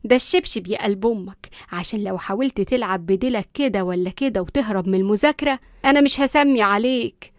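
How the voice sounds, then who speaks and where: A woman's voice: medium pitch, fast talker, dry recording, clean studio sound, natural voice. A woman voicing a fierce, bossy old grandmother with an Egyptian accent, scolding and threatening with sarcasm.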